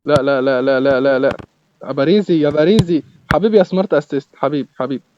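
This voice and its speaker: A young man with an Egyptian accent commentating his own football video game matches, excitable and repeating words in bursts. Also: mid-range voice, rapid-fire, lo-fi sound, a little hiss or hum. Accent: Egyptian Arabic. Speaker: gaming YouTuber. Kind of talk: live gameplay commentary.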